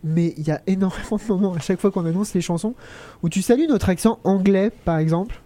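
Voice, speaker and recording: A woman's voice: mid-range voice, fast talker, dark tone, no echo. A woman co-hosting a radio show, teasing her colleagues in casual studio banter.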